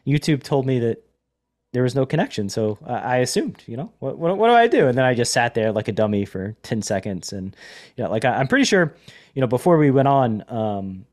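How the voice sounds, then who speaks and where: A man's voice: mid-range voice, lively intonation, brisk, a little mellow. A man hosting a poker podcast, chatting casually in a rambling, self-deprecating way with repeated words. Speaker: podcast host, poker coach. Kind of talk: casual podcast chat and hand commentary.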